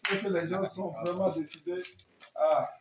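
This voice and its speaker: A man teaching a Hebrew class, quizzing students on words and gently correcting them. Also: high-pitched, steady tone, measured pace, echoey room, very noisy. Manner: questioning and correcting students, encouraging. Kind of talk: classroom lesson.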